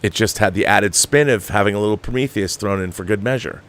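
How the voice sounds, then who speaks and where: This fast-talking film commentary host has a lowish, fairly bright voice. He rants about a movie with strong opinions, sounding exasperated and emphatic and cursing along the way.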